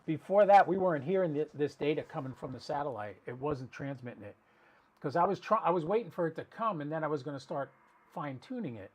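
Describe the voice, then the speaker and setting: Chatting casually as a ham radio livestream host, a man thinks aloud and explains as he goes, often restarting what he's saying. He speaks at a quick pace with a fairly high voice and lively intonation.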